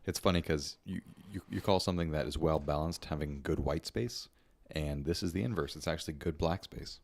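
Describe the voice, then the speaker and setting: A man with a very low voice co-hosts a casual beer chat. He jokes in a dry, deadpan way and swears freely. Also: fairly quick, vocal fry. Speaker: co-host.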